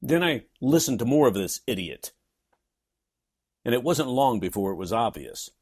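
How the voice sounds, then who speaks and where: Sarcastic husky-voiced man, from New York. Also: mid-range voice, big pitch swings, moderate pace, a little mellow. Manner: sarcastic, wisecracking. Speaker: comedy writer and teacher. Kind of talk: reading his blog post aloud.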